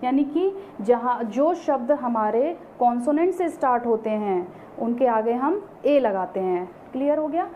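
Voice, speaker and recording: A woman with a high voice teaches an online grammar lesson. She explains each point patiently and keeps asking her students rhetorical questions. The sound is thin and phone-like. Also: lively intonation, unhurried. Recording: tinny phone-like recording, faint hiss.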